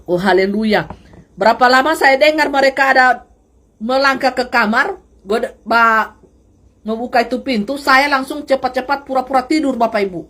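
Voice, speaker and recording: A young woman gives a lively church testimony to a congregation. She laughs often and acts out the voices of the people in her story. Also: high voice, moderate pace. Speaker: testimony speaker.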